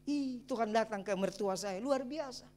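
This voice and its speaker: A middle-aged man, a pastor, preaching a sermon and telling his own story in a lively way with exclamations and chuckles. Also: extremely high pitch, normal speed. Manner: addresses the congregation as brothers and sisters. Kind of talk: sermon with personal testimony.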